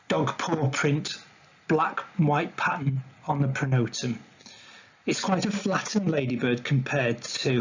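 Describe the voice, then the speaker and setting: A man's voice: medium pitch, highs cut off, a little hiss or hum. A man giving an illustrated talk on wildlife to slides, in an informal, conversational way. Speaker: wildlife educator presenting a talk.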